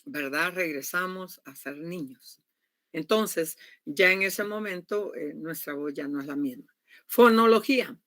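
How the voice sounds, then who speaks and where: A woman's voice: on the low side, a bit bright, no room sound, clean studio sound. A woman giving a university lecture, speaking emphatically and often stopping to check that her students are following. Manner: emphatic, keeps asking "¿verdad?" to check understanding. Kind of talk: classroom lecture.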